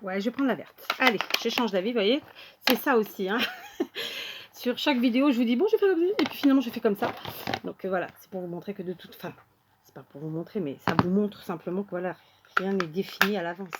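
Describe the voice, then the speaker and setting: A woman's voice: medium pitch, expressive, quick pace, heavy background noise. A woman hosting a casual card-making tutorial at her craft table, talking to viewers as she works and thinking aloud with plenty of fillers.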